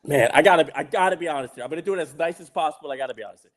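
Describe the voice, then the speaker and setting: A man co-hosting a casual chat, answering with laughs and gentle teasing. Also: a little high, racing. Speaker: co-host.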